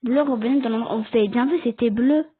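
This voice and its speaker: A woman's voice: fast, husky. A woman giving casual commentary while playing a game online, chatting, explaining the rules and arguing with other players. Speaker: gaming video creator. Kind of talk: casual Let's Play commentary. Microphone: cheap headset or desk mic. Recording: tinny low-quality mic.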